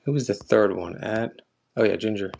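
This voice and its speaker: A man's voice: fairly low pitch, moderate pace, vocal fry, darkish tone, a little hiss or hum. Chatty man selling collectibles live. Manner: chatty, upbeat, talks to viewers by name. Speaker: live auction seller. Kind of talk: casual live-stream selling chat.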